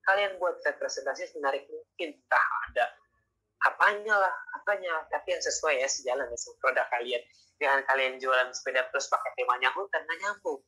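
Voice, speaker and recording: A man's voice: medium pitch, quick pace, bright, forceful tone, husky. A man giving a casual online sales lecture over a video call, chatty and constantly adding tag questions. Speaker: sales trainer. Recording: tinny video-call audio.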